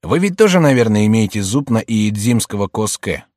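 A man reading aloud and voicing a young samurai who speaks in a measured, calculating way. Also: lowish voice, animated, darkish tone, no echo, studio quality, close to an everyday voice. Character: young male samurai, cautious and scheming.

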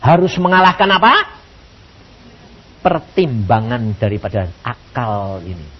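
A man preaching a sermon, telling stories lively and acting out his talks with God. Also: medium pitch, unhurried. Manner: lively storytelling, acting out dialogues with God, mixing in Javanese. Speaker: pastor. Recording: dull lo-fi sermon recording.

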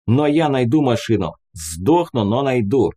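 A man's voice: medium pitch, very animated, measured pace, mellow, husky. A male audiobook reader voicing a blunt, angry mechanic soldier who talks in crude, vehement phrases. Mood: grim.

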